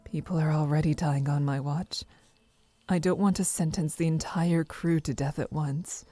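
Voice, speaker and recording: A woman's voice: sits low, fairly even intonation, moderate pace, mellow, no room sound. A woman voicing a stern, duty-bound female starship captain in a game, speaking formally in clipped sentences. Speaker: ship captain. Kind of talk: game voice acting.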